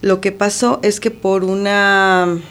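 A woman's voice: medium pitch, level tone, slow pace, fairly bright tone. A woman answering conversationally as a guest in a radio interview. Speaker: interview guest, mother of an activist.

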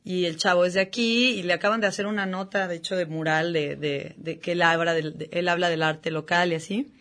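A woman, a musician guest in a casual interview, relaxed and chatty with slang. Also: on the low side, a little fast. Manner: relaxed, chatty, uses slang, restarts often.

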